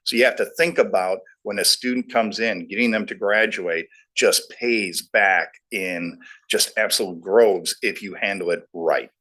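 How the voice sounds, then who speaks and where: Forceful, folksy man trustee. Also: fairly low pitch, measured pace. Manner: folksy, anecdotal, emphatic. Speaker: board trustee. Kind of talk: board meeting discussion.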